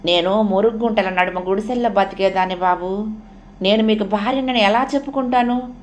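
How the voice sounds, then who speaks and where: A woman's voice: mid-range voice, close to an everyday voice. A woman voicing a humble young maid and new bride who pleads through tears in a storybook reading. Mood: pleading, tearful. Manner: pleading, sobbing, slow.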